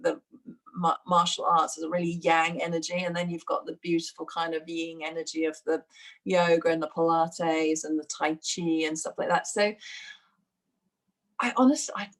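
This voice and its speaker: A British woman who works as a fitness instructor chats reflectively in a casual interview, full of fillers and restarts. Her voice is deep and steady at a moderate pace, and the audio quality is poor.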